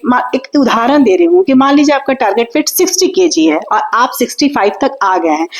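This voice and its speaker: A middle-aged woman from India, hurriedly talking through her day in a rambling, chatty vlog voice-over, recorded in a quiet room. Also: fairly high pitch. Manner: rambling, hurried chatty talk with frequent fillers. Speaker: housewife vlogger.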